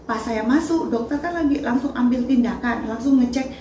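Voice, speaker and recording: A woman's voice: on the high side, normal speed, dark tone, echoey room, a little hiss or hum. A woman gives reporters a first-person account of a painful event. She acts out the dialogue as she retells it. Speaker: bereaved parent speaking to reporters.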